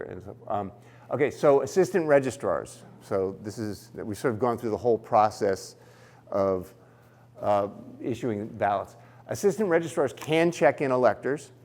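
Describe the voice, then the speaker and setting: A man's voice: fairly low pitch, expressive, normal speed, a little mellow. A man giving a casual, explanatory training talk for poll workers, with fillers and restarts. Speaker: election trainer.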